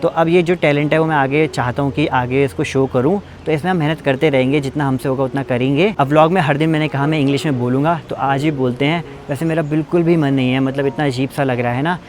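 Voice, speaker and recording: A man's voice: on the high side, fairly even intonation, fast talker, hardly any pauses, a little mellow, a little hiss or hum. Chatty young man vlogging outdoors. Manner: chatty, leaning on fillers and loose restarts. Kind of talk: casual walking vlog. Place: outdoors in hill country.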